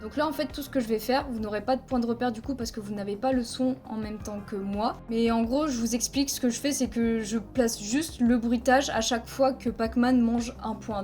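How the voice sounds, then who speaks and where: A woman's voice: fairly high pitch, warm tone. A woman teaching a video editing tutorial over a headset mic, explaining each step plainly and counting frames aloud. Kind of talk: screen-recorded software tutorial.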